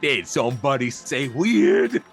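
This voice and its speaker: Man putting on a booming, dopey cartoon dingo bellow. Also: moderate pace, a bit bright, faint music behind, lightly acted. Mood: boisterous. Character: giant grinning wild-furred cartoon dingo mascot, boisterous.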